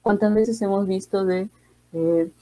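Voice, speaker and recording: A woman psychiatrist with a Peruvian accent giving a calm, reflective talk, speaking gently and slowly with pauses. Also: mid-range voice, poor audio. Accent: Peruvian Spanish. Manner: gentle, slow, measured with pauses.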